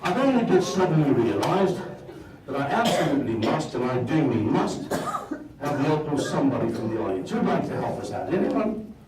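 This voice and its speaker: A man with a rather high, sing-song voice plays a jolly, bumbling Christmas wizard performing stage magic for a live audience in a hall, theatrical and chuckling at a moderate pace. The mood is playful, and a loud crowd fills the roomy hall, with the recording made from far away.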